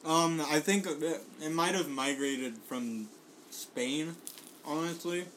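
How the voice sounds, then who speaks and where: A man's voice: a little high, expressive, measured pace, a bit bright, slight background noise, rough recording. A man from Puerto Rico chatting casually about food he brought, swearing often and filling gaps with ums and laughs. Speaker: guest bringing food. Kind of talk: casual food tasting chat.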